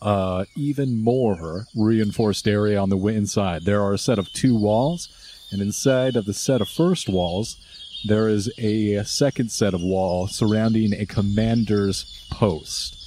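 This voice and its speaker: A low-voiced man narrating a tabletop game as game master. He describes each scene in a relaxed, unhurried way with pauses and fillers. Faint crickets and outdoor ambience sit behind him. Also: a little hiss or hum.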